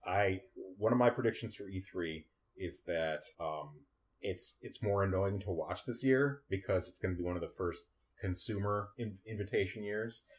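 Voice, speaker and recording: Deep-voiced guy on a gaming podcast, laid back, rambly. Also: normal speed. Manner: relaxed, rambling, laughs often. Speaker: podcast co-host. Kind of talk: casual gaming chat.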